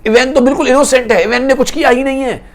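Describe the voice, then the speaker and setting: A man's voice: very high voice, steady tone, pitched above the performer's own voice. A man voicing a hysterical young woman who angrily and insistently accuses someone in court, in a spoken storytelling. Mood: furious. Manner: angry, fast, insistent.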